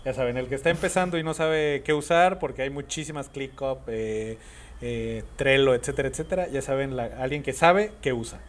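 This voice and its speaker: A man's voice: mid-range voice, moderate pace. A man hosting a podcast interview, asking questions casually and often turning to speak to the listeners directly. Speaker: podcast host.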